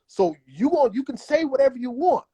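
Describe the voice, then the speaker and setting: A man's voice: very high voice, expressive, a little fast, dark tone, husky. A man as an interview guest giving emphatic, repetitive advice in a casual chat. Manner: emphatic and repetitive, acts out imagined voices.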